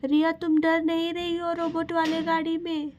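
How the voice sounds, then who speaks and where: A woman's voice: extremely high pitch, completely flat delivery, normal speed, a little mellow, highs cut off, a little hiss or hum. A woman voicing a playful, chatty little girl in a doll story. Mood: excited.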